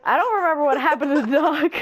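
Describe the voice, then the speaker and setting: Young woman, high voice, rambling profane retelling over voice chat. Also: expressive, quick pace. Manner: rambling, swearing, laughing through it.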